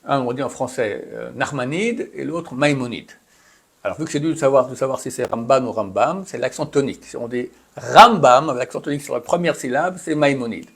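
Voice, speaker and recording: A man's voice: mid-range voice, lively intonation, brisk, gravelly, breathy edge. A man giving a religious lesson, reading Hebrew phrases aloud and explaining them in a chatty, conversational way. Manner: reads Hebrew text then translates and explains, chatty asides. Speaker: rabbi teaching a class. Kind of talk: Torah lesson, explaining texts.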